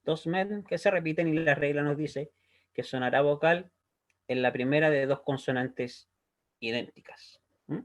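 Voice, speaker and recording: A man's voice: fairly high pitch, measured pace. A man teaching a recorded language lesson, explaining step by step and checking in with a frequent "¿ya?". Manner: patient, checks understanding with a frequent "¿ya?". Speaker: Hebrew teacher.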